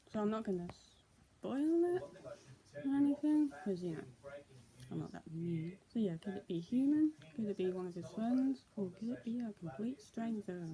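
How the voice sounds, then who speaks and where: A woman's voice: medium pitch, rough recording. A young woman chatting casually through a vlog, rambling with lots of "so, yeah" fillers, recorded on a tablet's built-in mic. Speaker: vlogger. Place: indoors in daylight.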